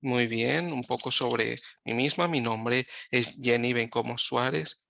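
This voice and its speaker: A man giving live Spanish interpretation of a webinar over a video call, talking in halting phrases and often correcting himself mid-sentence. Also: medium pitch, gravelly, bright, forceful tone, dry recording, clean studio sound. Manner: halting, with frequent self-corrections.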